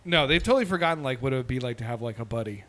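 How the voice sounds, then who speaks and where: A man's voice: mid-range voice, animated, rapid-fire, a bit bright. A man co-hosting a podcast, joking crudely and laughing often in casual chat. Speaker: podcast co-host.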